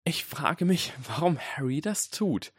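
Man putting on a fierce teenage witch girl, high, lively, dry close sound, audiobook. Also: fairly quick, no echo. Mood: coolly sardonic. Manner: cool and sardonic, then urgent whispers.

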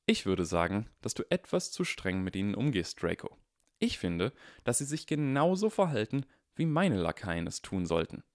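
A man voicing a calm, clever young wizard boy who talks politely with dry wit. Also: fairly low pitch, moderate pace, no echo.

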